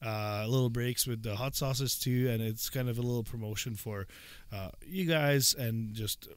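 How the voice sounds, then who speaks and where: A man's voice: medium pitch, normal speed, smooth, no room sound. A man hosting a podcast in casual chat, easygoing, with lots of fillers and laughter. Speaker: podcast host.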